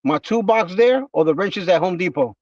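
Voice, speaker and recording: A man with a high voice chats loosely with his livestream viewers. He rambles, trips over his words and fills the gaps with "you know" and "uh". The sound is dry and a little dull. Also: expressive, dry recording, far from the mic. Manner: rambling, halting with many fillers and restarts. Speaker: livestream host. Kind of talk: casual livestream chat.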